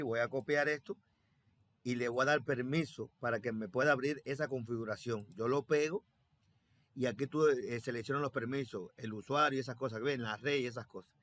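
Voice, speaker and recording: Man, screen tutorial instructor, step-by-step, repetitive, filler-heavy, mid-pitched voice. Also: fairly bright tone, no room sound. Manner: repetitive, step-by-step, thinking aloud with many fillers. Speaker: software instructor. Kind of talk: screen-recorded programming tutorial.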